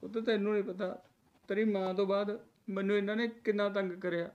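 A man's voice: sits high, flat delivery, quick pace, a little mellow, muffled recording, close to an everyday voice. A man playing a tearful old village father who complains that his family mistreats him. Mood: complaining. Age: older. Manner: complaining, weepy.

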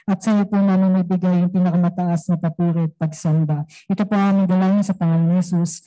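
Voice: mid-range voice, flat delivery, quick pace, mellow, big-room sound, low-quality recording. A speaker with a Filipino accent opening a youth fellowship and leading an earnest prayer. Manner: earnest, mixing English and Tagalog.

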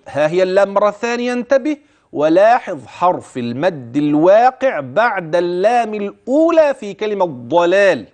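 A man with an Egyptian accent teaching tajweed, slowly drawing out words to demonstrate pronunciation between explanations and asking the listener questions. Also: high-pitched, darkish tone. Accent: Egyptian Arabic. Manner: asks the listener questions and answers himself. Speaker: Quran recitation teacher. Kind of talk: tajweed lesson on a religious TV channel.

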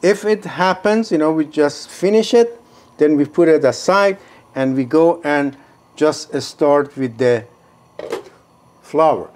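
A man in his sixties with a Persian accent, explaining a home cooking recipe step by step in an unhurried way from his kitchen. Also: a little high, darkish tone. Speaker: cooking show host.

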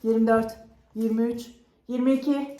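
Playful woman with highish voice, echoey room. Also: fairly even intonation, normal speed, mellow. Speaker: vlog host and game player. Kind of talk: casual chat to viewers. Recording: roomy echo, faint background noise.

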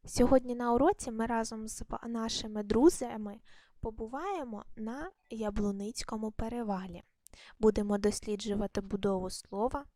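A woman teaching a primary school video lesson, speaking slowly and clearly to children in an encouraging way. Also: fairly high pitch, warm tone, no room sound. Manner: slow, clear, encouraging classroom delivery.

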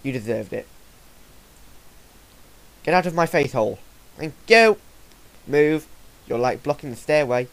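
A man's voice: on the high side, lively intonation, a little slow, vocal fry, pauses often, fairly bright tone. A man livestreaming a game, chatting casually and trading crude, mock-threatening banter with a friend. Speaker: livestreaming gamer. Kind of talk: casual gaming chat.

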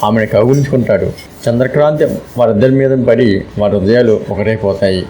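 A man narrating a romantic story in a calm, steady scripted read. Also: lowish voice, fairly quick, a little hiss or hum, rough recording.

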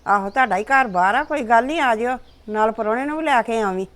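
Middle-aged woman, soothing motherly advice, fairly high voice. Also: expressive, fast talker, fairly bright tone. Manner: soothing, advising. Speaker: mother character. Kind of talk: short film acting.

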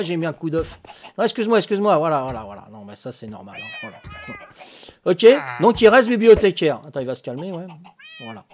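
A man's voice: a little high, a little hiss or hum. Older man hesitantly explaining a game. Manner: hesitant, many fillers and restarts; chatty, laughs, talks to the game characters. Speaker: gaming tutorial host. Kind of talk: casual gameplay tutorial.

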